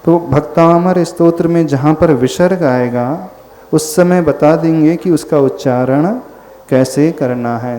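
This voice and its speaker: In a mellow voice pitched a little high, a Jain monk leads a pronunciation lesson on Sanskrit verses for recitation. He teaches slowly and patiently, putting questions to his listeners along the way.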